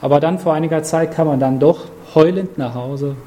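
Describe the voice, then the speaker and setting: Warm-voiced emphatic male preacher. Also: a little fast. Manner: emphatic, addresses listeners directly; swings between raised pitch and hushed lows. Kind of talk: sermon.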